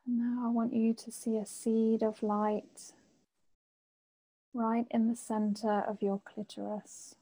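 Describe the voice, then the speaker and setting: Female meditation guide, sleep-story narrator feel: soft-toned and mellow, very even pitch, lots of space between phrases. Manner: gentle, unhurried phrasing with long pauses.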